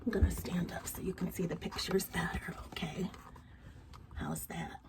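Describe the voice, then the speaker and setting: Reading a children's story aloud in a whisper, a woman stays gentle and expressive, chatting with her young listeners along the way. Her voice is lowish and creaky, at normal speed.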